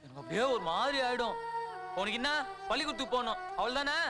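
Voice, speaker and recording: An actor playing a drunk, grieving young gangster who rambles tearfully. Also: male voice, very high voice, very animated, fast, over music. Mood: drunk weepy. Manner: slurred, tearful rambling, laughing and crying by turns.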